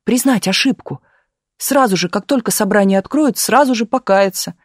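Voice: medium pitch, no echo, studio quality, natural voice. A reader voicing an earnest, frightened young man who argues firmly and logically. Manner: firm, logical, sometimes hurried.

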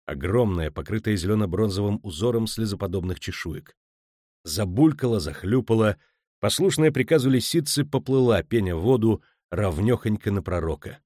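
A man narrating an audiobook with a steady, dramatic reading. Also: fairly low pitch, normal speed, no echo, clean studio sound. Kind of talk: scripted narration.

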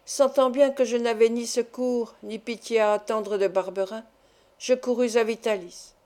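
Female audiobook narrator, slightly high, mellow, measured. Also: steady tone.

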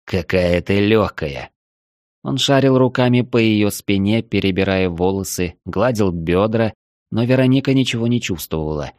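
A man narrates an audiobook in a measured, even storytelling style. His voice is on the low side, and the recording is dry, with clean studio sound.

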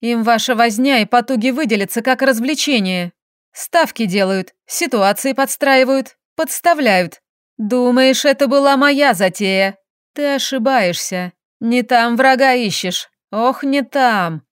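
Audiobook villainess: spiteful young colleague, scornful and cutting, read by a woman, fairly high-pitched. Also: a little slow, no room sound, studio quality, natural voice. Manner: scornful, hissing, mocking.

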